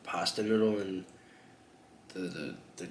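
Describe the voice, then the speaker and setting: A man's voice: low voice, slow. A young man chatting casually while eating on camera, rambling and crude with lots of jokes. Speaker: mukbang vlogger. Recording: echoey room with faint background noise.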